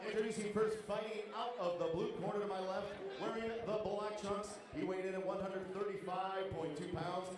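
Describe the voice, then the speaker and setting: A man working as a ring announcer at a live fight night, with a formal, showy, drawn-out delivery. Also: high-pitched, fairly even intonation, crowd noise. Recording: roomy echoing hall, distant, noisy.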